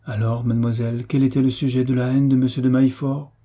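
A man's voice: mid-range voice, level tone, fast talker, warm tone, pitched above the performer's own voice, natural voice. A man voicing a naive young lady. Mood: plaintive. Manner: earnest, plaintive. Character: innocent, trusting young noblewoman.

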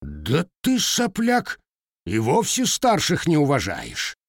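A man voicing a quarrelsome middle-aged peasant who talks in a shrill, demanding, whining way. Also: big pitch swings, takes it slowly, no echo, clean studio sound, exaggerated voice.

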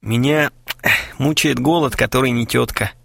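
A man's voice: mid-range voice, moderate pace, vocal fry, fairly bright tone, dry recording, studio quality. A man voicing a cheeky young trickster who talks in a casual way. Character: young man faking death, thirsty and cheeky.

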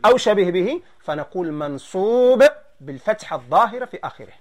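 With a Moroccan Arabic accent, a man teaches a grammar lesson, explaining things slowly and quizzing his students. His voice is high and expressive.

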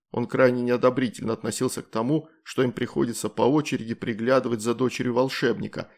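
A man narrating a fantasy storybook in an even, measured way. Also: mid-range voice, creaky. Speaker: audiobook narrator.

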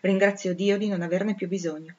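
A woman's voice: mid-range voice, steady tone, a little fast, darkish tone, dull audio, lightly acted. A woman reading aloud, voicing a pompous older noblewoman who speaks in a dramatic, affected way. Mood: haughty.

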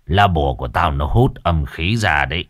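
A man voicing a greedy, smug old village exorcist who talks down in a low, slow growl. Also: expressive, a bit bright, soft background music, heavily acted. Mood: menacing, smug.

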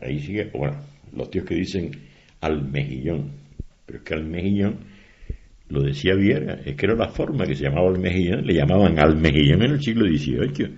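Deep gravelly older man. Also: quick pace, hardly any pauses. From Canary Islands. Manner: animated storyteller, acts out quoted voices. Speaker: interviewee. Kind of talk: conversational interview. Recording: dull lo-fi recording.

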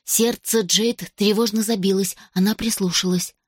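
A woman reading a children's adventure story aloud as narrator, steady and expressive. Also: medium pitch, normal speed, husky, no room sound, clean studio sound. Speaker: audiobook narrator.

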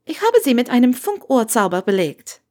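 A woman voicing an eager, curious teenage schoolgirl witch with quick, pressing questions, in an audiobook reading. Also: on the high side, sing-song, warm tone, pitched above the performer's own voice. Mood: insistent.

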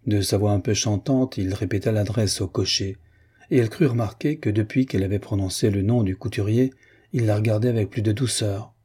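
Low, husky man reading a novel. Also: brisk, warm tone. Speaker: narrator. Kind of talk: audiobook reading of a classic novel.

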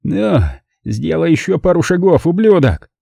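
A man voicing a vicious male hitman who snarls threats in a voice hoarse with rage, in an audiobook. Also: fairly high pitch, lively intonation, normal speed, warm tone, dry recording, clean studio sound, pitched above the performer's own voice, exaggerated voice. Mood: furious, threatening. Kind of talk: audiobook character voice.

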